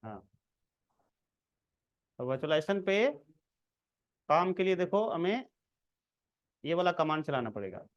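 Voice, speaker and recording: A man's voice: a little high, very animated, unhurried, pauses often, dull audio. A man giving a casual screen-recorded coding lesson, talking the viewer through each step and checking in often. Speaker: programming tutor.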